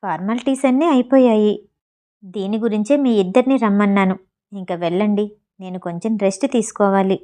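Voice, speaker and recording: A woman reading the lines of a brisk, businesslike female talent manager. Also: mid-range voice, dark tone, natural voice. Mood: tired.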